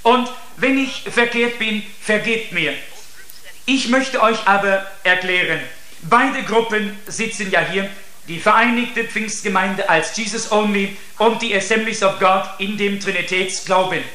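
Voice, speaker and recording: Earnest male preacher delivering a sermon, slow and deliberate, roomy sound. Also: high-pitched, sharp tone. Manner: earnest, addresses listeners with repeated "seht". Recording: echoey room.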